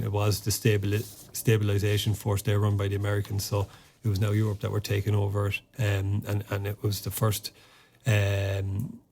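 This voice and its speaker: A fairly low, slightly mellow voice belongs to this former soldier from Ireland, appearing as a guest in a casual podcast interview. He's hesitant, repeatedly stopping and restarting his sentences with fillers.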